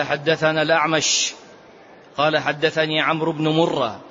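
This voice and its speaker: A man's voice: on the high side, sharp tone, slight background noise. A man teaching a religious lesson on prophetic biography, reciting narrations emphatically and repeating key phrases. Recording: dull lo-fi lecture recording.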